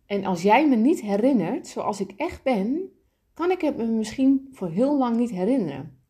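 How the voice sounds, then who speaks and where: A woman voicing a kind, loving, wise soul who explains things gently and patiently. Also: on the high side, big pitch swings, moderate pace, breathy edge, pitched above the performer's own voice. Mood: gentle.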